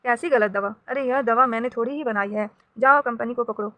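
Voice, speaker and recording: A woman reading a brash, loud shopkeeper. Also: on the high side, brisk, no room sound, lightly acted. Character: arrogant, then groveling middle-aged male shopkeeper.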